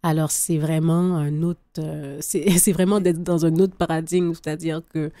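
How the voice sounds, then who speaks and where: Haitian-accented woman, soft thoughtful speech. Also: deep voice, little pitch movement, normal speed, dry recording. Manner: reflective, laughs often, many restarts. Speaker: singer-songwriter guest. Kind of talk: radio interview conversation.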